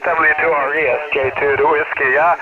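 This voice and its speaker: A man calling in on amateur radio, talking in a halting, hesitant way. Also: on the high side, level tone. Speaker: radio caller. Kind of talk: casual radio chat. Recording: tinny radio signal with noise.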